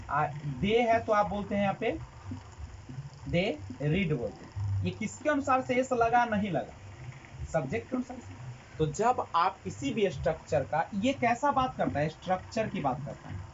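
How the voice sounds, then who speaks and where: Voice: mid-range voice, lo-fi sound, a little hiss or hum. Teacher quizzing a class, answering himself. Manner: asks the class a question, then answers it himself; repeats key terms for emphasis. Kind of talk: classroom lecture with call-and-response questions.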